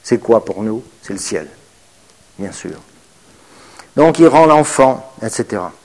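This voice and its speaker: A man preaching a sermon in French, reading scripture aloud and commenting on it, with hesitations, and moving from raised, emphatic bursts to quiet, murmured asides. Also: fairly low pitch, expressive, unhurried.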